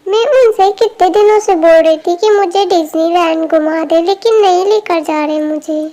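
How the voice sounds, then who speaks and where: Woman voicing a pouty little girl, stubborn, slow childish speech, very high voice. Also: dark tone. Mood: pleading. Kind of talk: amateur Hindi fan dub.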